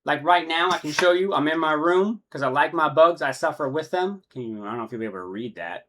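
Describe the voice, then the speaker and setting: Texan man, slightly high voice, loose chatty how-to explainer who self-corrects. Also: expressive, quick pace, pushed and bright. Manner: rambling, self-correcting, conversational. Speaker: insect breeder. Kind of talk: casual instructional talk. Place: his room with his insects.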